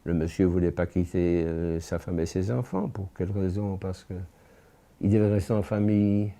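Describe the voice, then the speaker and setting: This witness, a man in his eighties born in France, gives personal testimony in a low, mellow, very dark voice with fairly even intonation. His recounting is slow and grave, halting with frequent pauses and restarts as he hunts for the right words.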